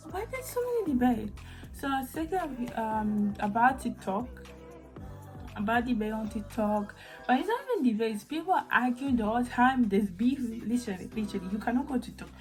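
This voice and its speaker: Young woman vlogger from Italy, higher-pitched, rambling casual opinion chat into a phone mic, faint music behind. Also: lively intonation, moderate pace, a little mellow, low-quality recording. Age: young adult. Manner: chatty, rambling, frequent restarts and fillers.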